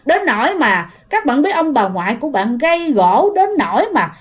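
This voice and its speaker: A woman's voice: high voice, big pitch swings, normal speed. A woman with a Southern Vietnamese accent telling a ghost story in a chatty, casual way, often speaking to her listeners directly.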